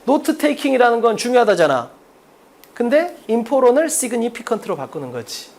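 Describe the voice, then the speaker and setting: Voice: mid-range voice, big pitch swings, fairly quick, darkish tone. An English exam-prep teacher explaining a mock test in a lecture, firing rhetorical questions at students and drilling points with emphasis. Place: lecture room at a board.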